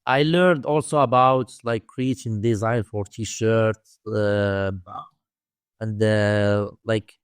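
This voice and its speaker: A fairly low, steady, clean-toned male voice comes through without room sound. The Moroccan-accented guest, who teaches domain investing, tells conversational stories in a dry interview, stumbling and repeating in his non-native English.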